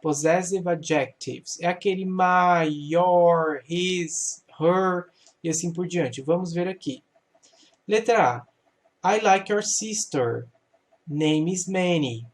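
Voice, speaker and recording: A man teaching an English grammar lesson step by step, patiently asking questions and answering them himself. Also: high voice. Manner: patient, explains slowly, asks and answers his own questions.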